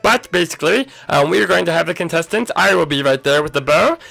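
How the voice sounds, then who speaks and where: A man's voice: on the high side, fast talker, gravelly, exaggerated voice. A man voicing an eager, nervous turtle henchman who stammers and fills his talk with ums. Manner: stammering, excitable, with many ums.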